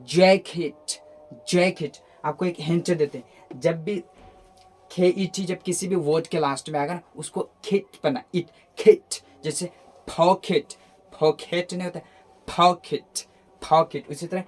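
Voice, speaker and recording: A man teaching a phonetics lesson who asks questions and answers them himself, repeating each sound several times in drills. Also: a little high. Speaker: English pronunciation teacher.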